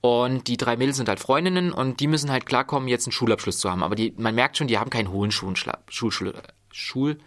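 A man's voice: mid-range voice, quick pace, few pauses, fairly bright tone. A man casually recapping films he has watched, rambling with many fillers and restarts. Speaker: film reviewer. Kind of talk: casual podcast film talk.

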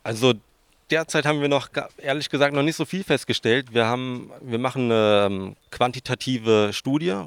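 A man in his twenties from southern Hesse, Germany, speaks with a southern Hessian accent in a mid-range voice with vocal fry. He's a student researcher being interviewed, answering casually and a bit hesitantly. The recording has no echo.

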